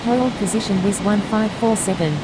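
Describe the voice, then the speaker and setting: A woman's voice: medium pitch, moderate pace, natural voice. A woman playing a businesslike airline pilot over the radio, speaking in procedural phraseology. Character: businesslike female airline pilot calling the tower. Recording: hissy radio with engine-like noise.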